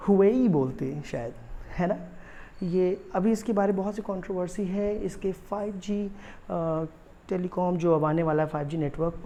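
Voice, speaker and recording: A man with an Indian accent teaching English pronunciation in an online video lesson, explaining calmly and repeating each word slowly for emphasis while mixing Hindi and English. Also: high-pitched. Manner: mixes Hindi and English freely.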